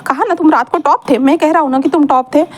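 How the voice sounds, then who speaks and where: A smug, doting young man who teases in an easy, playful tone, as a woman narrator voices him. The voice stays high and quick, close to her own. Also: natural voice. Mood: teasing. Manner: playful, teasing.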